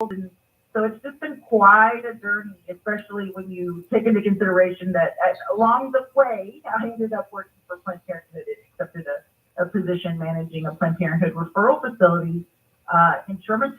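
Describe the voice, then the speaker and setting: Calling in by phone to a casual radio interview, this middle-aged woman from Texas shares her story in a candid, steady way. Her mid-range voice sounds distant, coming through narrow and tinny.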